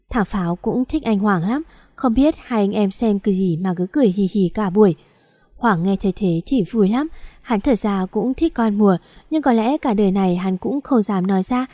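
Mellow woman narrating an audiobook. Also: medium pitch, no echo. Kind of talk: scripted narration.

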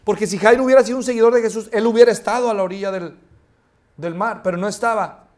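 A male pastor preaching a sermon, animated, acting out dialogue and asking the congregation questions. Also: high voice, fast talker.

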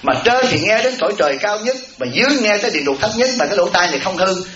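Folksy monk preaching in an echoey hall. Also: male voice, high voice, expressive, racing, crowd noise. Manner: folksy, acts out everyday voices, asks "right?" often. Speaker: abbot, Buddhist monk. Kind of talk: dharma talk. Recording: echoey lo-fi hall recording with audience.

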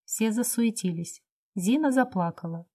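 A woman narrating a classic novel as an audiobook in a measured, expressive reading style. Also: a little high, husky.

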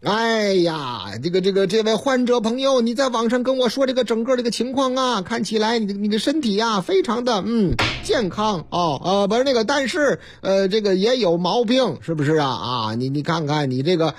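A man's voice: sits high, expressive, moderate pace, hardly any pauses. A man with a Beijing accent putting on a fawning, rambling middle-aged quack online doctor. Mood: wheedling.

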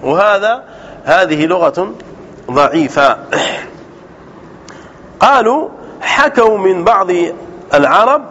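High-voiced man teaching grammar slowly. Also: expressive, fairly bright tone. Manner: slow, deliberate, repeats points and corrects himself. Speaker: sheikh teaching Arabic grammar. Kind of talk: classroom grammar lesson. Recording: dull lo-fi recording with faint background noise.

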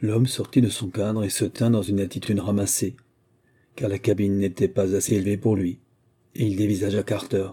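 A man reading a novel aloud as an audiobook, in steady, measured narration. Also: lowish voice, husky. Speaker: audiobook reader. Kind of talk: scripted narration.

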